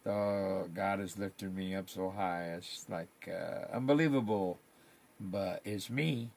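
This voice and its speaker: A man's voice: low-pitched, slow pace, creaky, darkish tone. An older man, chatting casually and rambling in folksy, colloquial talk on his live stream.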